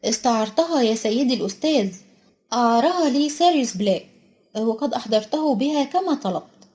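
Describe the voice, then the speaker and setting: A woman's voice: fairly high pitch, expressive, brisk, mellow, close to an everyday voice. A woman voicing a huge bearded male groundskeeper, simple and loyal, in a storybook reading. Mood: eager.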